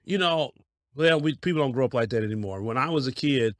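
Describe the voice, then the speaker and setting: Telling life stories in a folksy, laugh-prone manner, this Colorado pastor from Denver, now in his 50s, appears as an interview guest. He speaks a little fast at medium pitch with a slightly bright tone, recorded at studio quality without echo.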